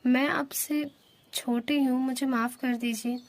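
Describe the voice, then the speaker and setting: A woman's voice: sits high, steady tone, slow, a little hiss or hum. A woman voicing a stubborn young female myna bird, the younger daughter-in-law in a cartoon, who argues back. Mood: tearful. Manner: argumentative.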